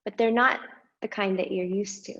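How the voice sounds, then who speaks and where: A woman guiding a meditation and breathing exercise, speaking slowly and softly with long pauses. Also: medium pitch, steady tone, dull audio. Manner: slow, soft and unhurried with long pauses. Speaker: meditation guide. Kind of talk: guided meditation.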